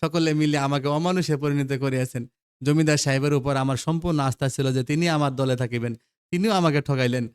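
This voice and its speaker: A man's voice: a little high, steady tone, brisk, darkish tone, smooth, natural voice. A proud, touchy old holy man, voiced by a man reading a play aloud, speaking in stately, old-fashioned phrases. His indignation flares into aggrieved outbursts. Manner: stately archaic speech, rising to indignant outbursts.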